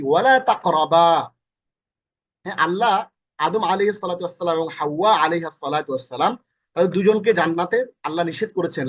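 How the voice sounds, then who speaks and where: A fairly high-pitched man with a Bangladeshi accent teaches a recorded lesson, repeating each meaning several times and fixing his own slips as he goes. His voice is a little breathy, and the recording sounds dull and lo-fi. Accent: Bangladeshi Bengali. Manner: corrects himself mid-lesson. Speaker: Quran teacher. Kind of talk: recorded lesson explaining Arabic verses.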